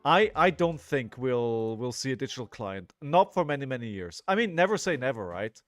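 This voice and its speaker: This is a medium-pitched male voice with big pitch swings at a normal speed, recorded with no room sound. The man, in his forties, offers relaxed live card-game commentary, rambling, thinking things through out loud, talking to viewers, and regularly checking in with "right?".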